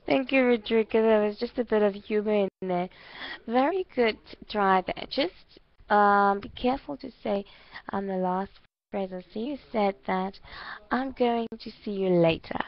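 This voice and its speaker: A woman's voice: mid-range voice, a little slow. A woman teacher giving encouraging spoken feedback in an English lesson, often checking in with "okay?". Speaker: language teacher. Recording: muffled lo-fi online call audio.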